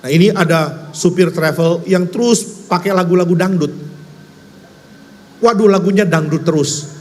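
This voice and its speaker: A man from Indonesia preaching a conversational sermon, telling stories in a lively, wry, emphatic way. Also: sits high, moderate pace. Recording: long hall reverb.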